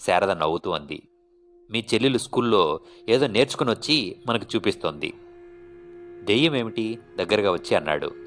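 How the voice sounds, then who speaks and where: A man reading a horror story aloud as a narrator, in a calm storytelling way, lifting his voice for the characters' lines. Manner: calm storytelling, voicing characters with raised pitch. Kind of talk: scripted audiobook narration.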